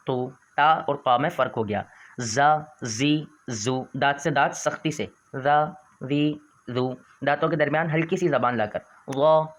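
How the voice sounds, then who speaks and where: A man teaching an online Quran reading lesson, patiently explaining and repeating letter sounds in an earnest, exhorting manner. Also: fairly high pitch.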